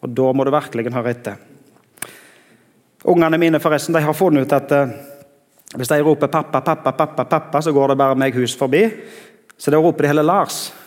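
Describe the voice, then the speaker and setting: A middle-aged man preaching a sermon in a conversational way, often pausing to search for words. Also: a little high, a little mellow. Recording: long hall reverb.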